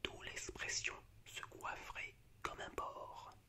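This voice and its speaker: A man gives whispered ASMR renditions of film monologues as the host. His breathy, voiceless delivery is slow and slightly hesitant.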